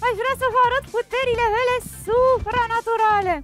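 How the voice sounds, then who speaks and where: A woman's voice: very high-pitched, steady tone, music in the background, voice pushed up. A woman voicing a cheerful, chatty old grandmother puppet in a ventriloquism act on live radio, with a bubbly, sing-song delivery.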